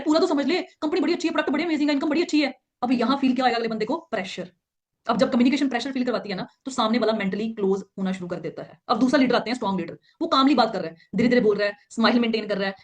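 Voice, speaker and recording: A woman trainer explaining communication in network marketing point by point, often checking in with her listeners and acting out pleading example lines. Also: a little high. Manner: acts out quoted examples in a pleading voice. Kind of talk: slide-based training talk.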